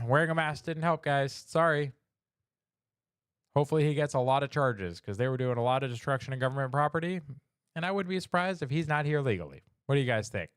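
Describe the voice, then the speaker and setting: A man's voice: mid-range voice, a bit bright, clear, resonant tone, dry recording, clean studio sound. A man hosting a weekly news livestream, mocking and chatting with viewers. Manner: mocking, sarcastic, talks to chat. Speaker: host of a weekly news stream. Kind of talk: casual livestream commentary.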